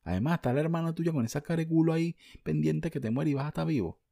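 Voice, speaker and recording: A man's voice: on the high side, quick pace, vocal fry, warm tone, no room sound, studio quality. A young Venezuelan man ranting bluntly and profanely in a casual vlog, answering viewer comments. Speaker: vlogger.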